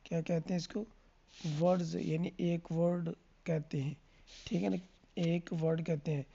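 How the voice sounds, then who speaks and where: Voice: medium pitch, little pitch movement, creaky, dark tone, muffled recording. A teacher giving a classroom lesson on letter sounds, asking questions and answering them and often checking in with the listener. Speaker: English phonics teacher.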